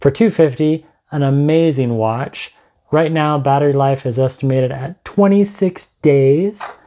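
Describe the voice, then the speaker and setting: Man chatting casually, soft mellow tone. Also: on the high side, measured pace. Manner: chatty, thinking aloud. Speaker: vlogger reviewing fitness gadgets. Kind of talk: casual unscripted product review. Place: small home room, indoors.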